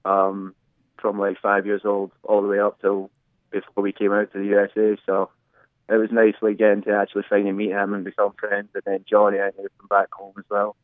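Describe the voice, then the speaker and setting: A man's voice: lowish voice, monotone, a little fast, no echo. A young man with a thick Scottish accent giving a casual interview as a soccer player over the phone. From Scotland. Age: young adult. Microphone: phone call. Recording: tinny, narrow phone line.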